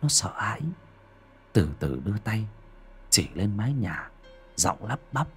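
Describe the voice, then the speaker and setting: A man's voice: lowish voice, big pitch swings, unhurried, faint music behind. A man narrating a spooky story as an audiobook, dramatic and building suspense.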